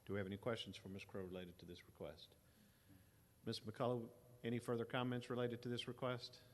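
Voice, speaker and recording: A man's voice: mid-range voice, level tone, slight background noise. A man chairing a public board hearing in a formal, procedural manner, heard on a meeting-room hearing recording. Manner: measured, procedural.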